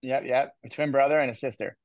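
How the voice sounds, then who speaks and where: A man in his thirties, a guest in an interview, telling his story in an animated way, restarting and quoting others. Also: medium pitch, fast talker, no room sound. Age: 30s. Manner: animated, repeats words, quotes people in his story. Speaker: guest speaker.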